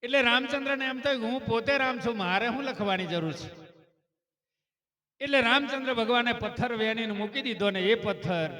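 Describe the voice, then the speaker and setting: A man's voice: extremely high pitch, fairly quick, bright, forceful tone. A man preaching a devotional sermon, telling a religious story and calling out praise cries to his listeners. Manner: calls out chanted praise cries between story passages; asks the listeners rhetorical questions.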